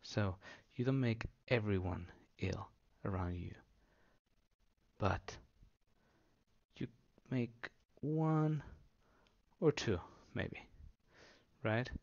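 A man explaining things simply for children, unscripted, in short halting phrases with pauses, on a dull lo-fi recording. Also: fairly low pitch, vocal fry, a little mellow. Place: indoors at a table.

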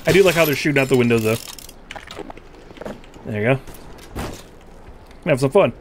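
A man livestreams a game with casual, rambling commentary, peppered with "like" and frustrated swearing. His mid-range voice is expressive at a moderate pace, the game sounds come through clearly underneath, and there's a little hiss or hum.

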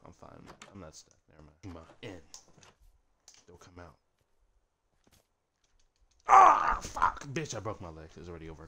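A gamer streamer with a low voice gives crude, joking commentary on his gameplay, over a slight hiss or hum. He swears a lot and mumbles asides, punctuated by sudden loud yelps.

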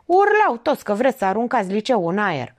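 A woman's voice: fairly high pitch, sing-song, darkish tone, voice pushed up. A woman voicing an agitated, prim male schoolteacher who answers indignantly, in an audiobook.

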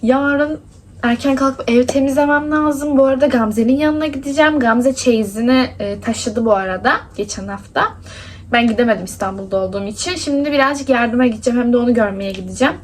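A young vlogger from Adana, Turkey, chats casually in her daily vlog, complaining and laughing as she goes, first indoors at home and then out in hot streets. Her voice is fairly high and brisk, with slight background noise.

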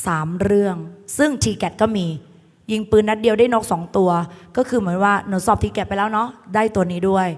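A woman tutor with a cold and a hoarse voice, teaching a playful exam-prep lecture to a hall of students. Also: medium pitch. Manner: playful, teasing, calls the students "kids". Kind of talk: lively classroom lecture. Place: large hall full of students. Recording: echoey hall.

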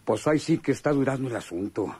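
In a radio drama, a Mexican man plays a chummy, sly, hardened convict, sounding chummy and curious. His mid-range, darkish, slightly rough voice moves fast with lively intonation, in slangy, hesitant phrases delivered as a drawl with knowing chuckles. The recording has no echo.

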